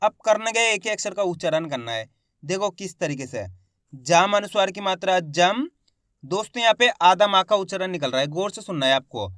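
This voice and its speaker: A man teaching a step-by-step reading lesson, sounding out syllables slowly and answering his own questions. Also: sits high, lively intonation, bright, forceful tone, no room sound, studio quality. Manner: addresses viewers as friends, plain conversational teaching.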